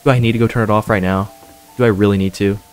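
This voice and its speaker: A man's voice: fairly low pitch, fairly even intonation, fast talker, soft background music. A man streaming a horror game with scared, jittery reactions, repeating himself and speaking in profane, slangy commentary.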